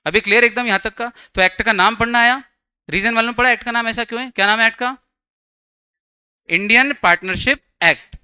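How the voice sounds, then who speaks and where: A man's voice: very high-pitched, a little fast, sharp tone, clear, resonant tone, no echo. A young man teaching a law class, chatty and teasing, quizzing his students with jokes.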